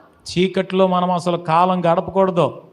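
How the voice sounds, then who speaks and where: A man preaching with a high-pitched voice. He calls out questions for the congregation to answer and surges into loud, emphatic exhortation. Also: level tone, unhurried. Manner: call-and-response preaching, rising to loud exhortation. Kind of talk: sermon.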